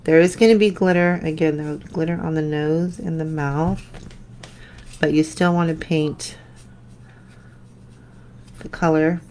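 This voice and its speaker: Lady doing a live paint demo, slow easygoing talk, answers comments, mumbles when she focuses. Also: low-pitched, steady tone, slight background noise. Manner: chatty, answers viewer comments while painting; drifts into soft mutters when concentrating. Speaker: painting tutorial host.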